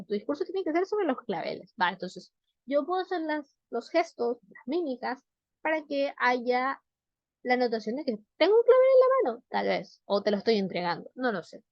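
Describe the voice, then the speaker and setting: A woman's voice: mid-range voice, dry recording. A young woman coaching debaters, explaining in a conversational way with frequent fillers and rhetorical questions. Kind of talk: explanatory talk. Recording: dull, slightly muffled sound.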